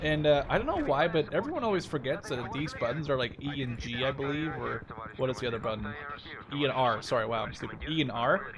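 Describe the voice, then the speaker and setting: Fast and expressive, a twenty-something man with a mid-range voice delivers informal, slangy gameplay commentary as a gaming video host, swearing at times. The audio has its highs cut off, with crowd noise and loud game combat of artillery, gunfire, and vehicles underneath.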